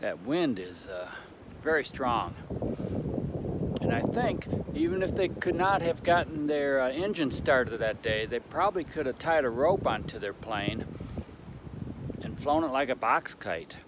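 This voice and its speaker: A man with a medium-pitched voice talks casually to his trail vlog. He rambles in a halting, unscripted way. The outdoor recording carries clear ambient noise. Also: expressive. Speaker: hiker vlogger on a long trail.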